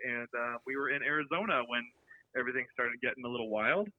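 A man speaking over the phone from his home, a worship leader and pastor talking calmly and encouragingly. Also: medium pitch, quick pace, no echo. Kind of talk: casual chat. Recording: tinny phone line, dry.

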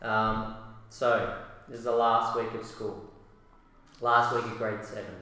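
A teacher hosting a casual podcast chat with students, asking relaxed questions with many fillers, recorded with a big hall echo in an echoey school room. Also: mid-range voice, slow. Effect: big hall echo, long reverb on the voice. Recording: echoey roomy recording with long reverb and faint ambient hiss.

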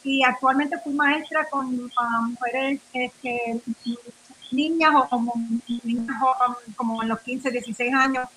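On a roughly recorded radio interview, a Nuyorican guest from New York, of Puerto Rican family, tells her story in casual, rambling Spanish packed with fillers, restarts, and English words. Her voice sits high and is sharp and husky, with a steady tone and measured pace.

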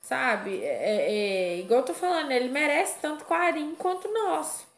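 A woman's voice: high voice, expressive, moderate pace, reverberant. A woman, co-hosting a casual chat and telling a personal story with lots of drama.

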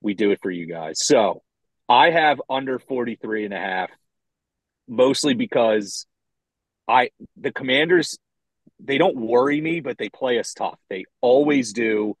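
A man's voice: mid-range voice, animated, measured pace, no room sound. A man talking over a phone line from inside a parked car, chatting loosely as a podcast co-host, rambling and swearing casually. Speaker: co-host of a sports betting podcast. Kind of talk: casual chat.

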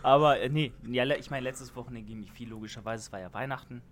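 A man's voice: medium pitch, fast, slight background noise. A young man chatting on a casual podcast. He rambles and restarts his sentences, filling the gaps with hesitations. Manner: rambling, many fillers and restarts. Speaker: podcast co-host.

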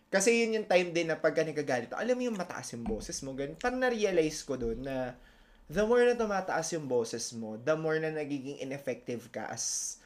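A man's voice: fairly high pitch, animated, normal speed. A man in his thirties with a Filipino accent, a teacher co-hosting a casual podcast, talking in a reflective, teasing way. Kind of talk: casual chat.

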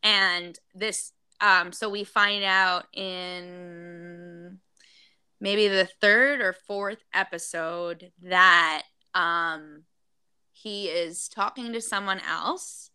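Chatty gossip co-host, woman, bright and smooth, dry close sound. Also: medium pitch, takes it slowly, dry recording. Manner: chatty, recounting with many fillers. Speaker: podcast co-host. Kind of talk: casual gossip chat.

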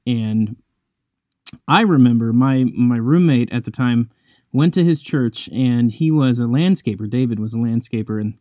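Brief: male devotional host, mid-pitched, thoughtful and unhurried, dry close sound, faint music underneath. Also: darkish tone, no echo. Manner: reflective and conversational, with many pauses. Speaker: podcast host. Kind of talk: devotional talk and scripture reading.

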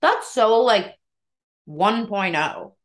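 A woman's voice: medium pitch, lively intonation, drawn-out words, slight background noise. A woman co-hosting a podcast in casual conversation, talking in informal, slangy phrases. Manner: informal, filler-heavy slang with frequent "like". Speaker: podcast co-host.

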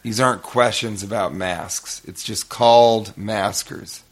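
A man's voice: fairly low pitch, fairly even intonation, unhurried. A man co-hosting a live comedy podcast in front of an audience, riffing crude absurd bits with mock indignation. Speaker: podcast co-host. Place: hotel room with live audience.

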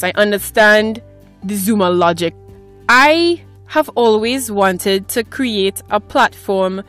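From a small clothes closet at home, a woman in her 20s hosts her solo podcast, chatting casually and rambling while teasing herself. Her voice is a little high with a fairly bright tone.

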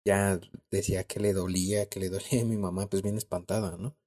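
Co-hosting a podcast, this young man tells a story in casual, slangy talk with frequent laughter and a Mexican Spanish accent. His voice sits low and mellow, is brisk, and barely moves in pitch.

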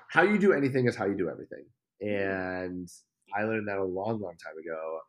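A young man on a podcast tells a long story in a casual, low-pitched voice. He gets animated, swears freely and acts out what everyone said. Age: young adult. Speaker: podcast guest.

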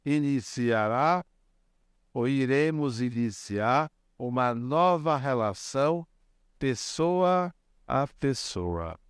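An older man giving a religious lecture, speaking deliberately and repeating key words for emphasis. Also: mid-range voice, lively intonation, clean tone, dry recording, clean studio sound. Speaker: spiritist lecturer.

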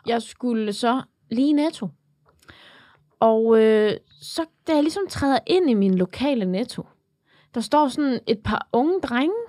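A woman in her twenties co-hosting a podcast, telling an animated story in casual chat with lots of swearing. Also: a little high, no room sound, clean studio sound. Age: 20s. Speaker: podcast co-host.

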